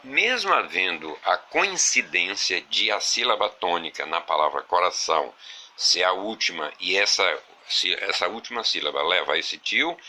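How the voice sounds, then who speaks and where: Low-voiced, bright teacher. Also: male voice. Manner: slow, explanatory, repeats examples with fillers. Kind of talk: video lesson on grammar.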